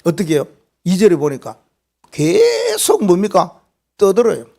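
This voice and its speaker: Preaching a sermon with a Gyeongsang accent, a male pastor sounds animated and keeps putting rhetorical questions to the congregation. His voice sits high, moves a little slowly, and has a creaky edge.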